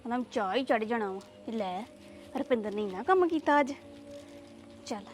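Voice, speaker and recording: A woman's voice: a little high, lively intonation, fairly quick, soft background music, natural voice. A woman playing a dramatic, complaining village daughter-in-law in a Punjabi web drama, exclaiming and muttering to herself with a Punjabi accent. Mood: chatty, determined.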